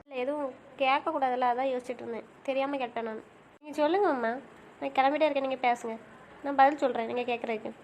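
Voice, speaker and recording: A woman's voice: sits high, steady tone, fast talker, darkish tone, a little hiss or hum. A woman voicing a stubborn young college student who insists and pleads. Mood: hurt. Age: young adult. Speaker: voice actor. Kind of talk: audio drama acting.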